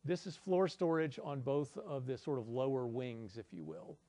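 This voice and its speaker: Middle-aged male presenter, conversational and self-deprecating, ordinary pitch, dry sound. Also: normal speed, dark tone, dry recording. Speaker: conference presenter. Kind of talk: lecture with audience Q&A. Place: indoor conference room, presenting at a projector screen.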